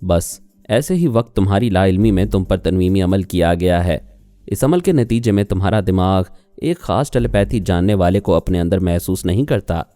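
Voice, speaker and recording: Guy doing a calm reasoning mind-reader dude, deep voice, soft music behind. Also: dry recording. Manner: patient, reasoning, explanatory. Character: calm, persuasive male telepath. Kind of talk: audiobook character reading.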